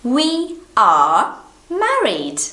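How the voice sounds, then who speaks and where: Slow, patient Brazilian woman teaching English. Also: high-pitched, wildly swooping pitch, pushed and bright. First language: Portuguese. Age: 30s. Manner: slow, patient and encouraging, speaking straight to the viewer. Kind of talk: online English lesson. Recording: echoey room.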